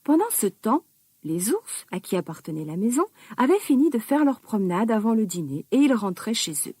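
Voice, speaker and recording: A woman narrating a children's story slowly and expressively. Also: on the high side, slightly rough, no echo. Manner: slow, expressive, lively.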